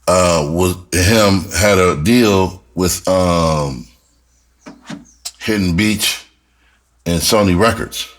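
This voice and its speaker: This is a slangy, profane storytelling monologue from a middle-aged American man, a music producer who rambles, repeats himself and laughs softly at his own memories. He has a low-pitched, fairly bright voice, with slight noise in the background.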